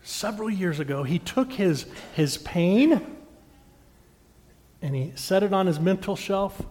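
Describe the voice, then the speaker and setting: High-voiced middle-aged pastor in a reverberant hall. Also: male voice, expressive, unhurried. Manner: dynamic, swings from loud emphatic lines to hushed intimate ones; talks directly to the congregation with questions. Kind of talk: sermon. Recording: long reverb of a large hall.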